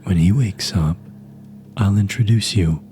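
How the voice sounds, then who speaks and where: A man voicing a young man who has turned cold and menacing toward his old friend, speaking flatly and sharply in a horror story. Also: deep voice, a little slow, slight background noise, pitched above the performer's own voice.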